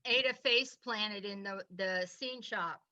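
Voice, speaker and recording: A woman's voice: mid-range voice, slow pace, bright, forceful tone, highs cut off. A woman teasing old friends in a casual group chat.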